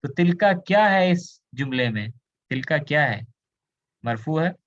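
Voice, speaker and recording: Male grammar teacher from India, patient explainer, slightly high voice, lo-fi audio. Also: lively intonation, measured pace. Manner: explains patiently, mixes in English, asks students questions. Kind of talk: online class lecture.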